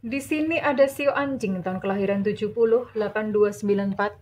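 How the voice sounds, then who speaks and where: A woman giving a tarot reading, gentle and measured, calling the listener dear. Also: medium pitch, a little hiss or hum. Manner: slow, measured listing. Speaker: tarot reader.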